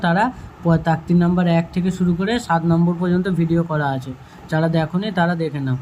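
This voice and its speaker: A teacher giving a Quran reading lesson, patiently repeating letter sounds and drawing out words slowly. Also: medium pitch, darkish tone, dull audio, slight background noise. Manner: slow drawn-out chanting of prayers and words.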